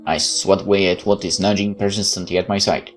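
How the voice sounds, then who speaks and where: A deep-voiced man narrates a visual novel as a let's play host. He slips between reading the text and casual side remarks. Game music plays behind him. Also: fairly even intonation, a little fast. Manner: off-the-cuff remarks between read passages.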